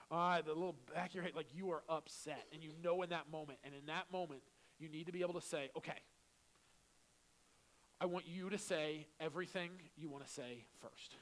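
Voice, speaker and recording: A man's voice: on the high side, low-quality recording. Joking, candid male pastor preaching. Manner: candid, joking, swings between quiet asides and loud bursts. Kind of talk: sermon.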